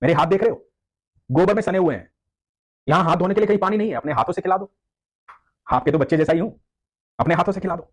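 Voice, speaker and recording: A man's voice: high voice, animated, fast talker, pauses often, voice pushed up. A man voicing a playful, caring cowherd boy of about ten who coaxes and pleads in a storybook tale. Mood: pleading. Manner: coaxing, pleading.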